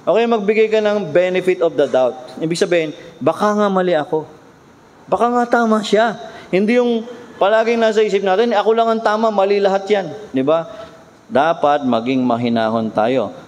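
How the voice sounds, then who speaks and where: A man preaching a sermon as pastor in a conversational way, often asking his listeners "right?" and slowing down to read scripture. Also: high-pitched, a little mellow, long reverb tail.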